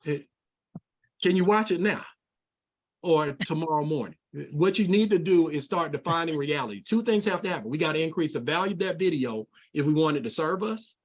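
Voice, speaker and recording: Lively, folksy middle-aged man training a group. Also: fairly high pitch. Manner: animated, folksy and fast-talking, with plenty of colloquial asides. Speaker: sales trainer. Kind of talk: energetic group training on a video call.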